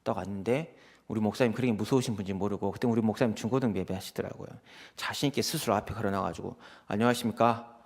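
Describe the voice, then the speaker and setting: An associate pastor preaches a conversational sermon packed with personal anecdotes, telling stories animatedly and acting out quoted exchanges. He talks fast in a lowish, gravelly voice.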